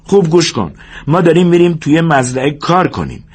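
A man acting out a short-tempered ranch hand who lectures his slow friend. The voice is strained high and husky, with a lively, up-and-down delivery. It is the sound of an audiobook character scolding. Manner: scolding, raised voice, emphatic. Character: exasperated sharp-tongued wiry ranch hand, bossy but protective.

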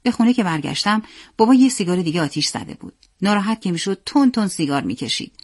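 A woman reading a story aloud as narrator in a steady, plain manner. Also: medium pitch, no room sound, studio quality.

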